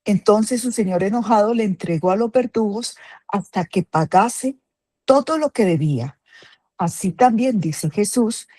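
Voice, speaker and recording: A woman's voice: medium pitch, mellow, no room sound. A woman teaching a Bible class, asking her listeners questions and repeating key phrases for emphasis.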